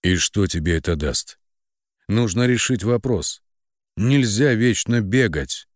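A man's voice: fairly low pitch, lively intonation, slow, no room sound, clean studio sound, pitched above the performer's own voice. A man voicing a cold, ruthless male hitman who speaks curtly and commands. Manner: icy, curt, commanding.

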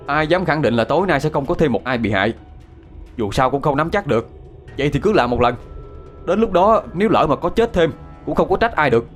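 A man's voice: a little high, lively intonation, brisk, soft background music, pitched above the performer's own voice, close to an everyday voice. Figure: young son-in-law, stubborn, angry. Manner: blunt, raised, clipped. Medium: audiobook ghost story, as a man voices him.

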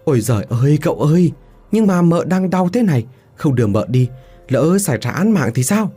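Male narrator as a panicked servant, shrill and husky. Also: sing-song, brisk, mellow, faint music behind. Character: frantic household servant.

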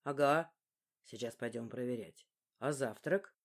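A woman's voice: extremely low pitch, pitched below the performer's own voice. Woman voicing a grumbling male masseur. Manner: brisk and grumbling.

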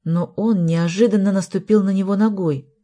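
A woman reading a novel aloud in an even, measured narration. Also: medium pitch. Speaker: audiobook narrator. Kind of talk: scripted narration.

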